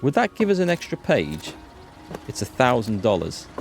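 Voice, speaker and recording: A man with a mid-range voice hosts a casual let's play at a moderate pace, his pitch swinging widely as he explains things and thinks aloud. Music plays behind him.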